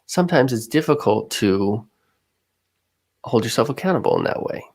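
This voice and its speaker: Man, podcast co-host, gravelly, casual chat, thoughtful, searching for words. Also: medium pitch, lively intonation, normal speed, darkish tone.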